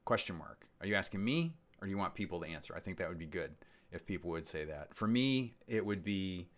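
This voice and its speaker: Deep-voiced guy in his 50s, rambling through chat questions, lots of ums and restarts. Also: animated, brisk. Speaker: livestream host. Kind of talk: casual live-stream chat.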